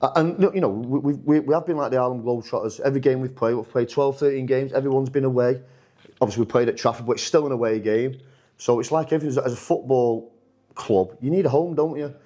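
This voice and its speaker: A man, a football manager, chats in a casual podcast interview with a middle-pitched voice. He rambles, stumbles over restarts, and livens up whenever he quotes someone. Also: fast. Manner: rambling, many restarts, animated when quoting others.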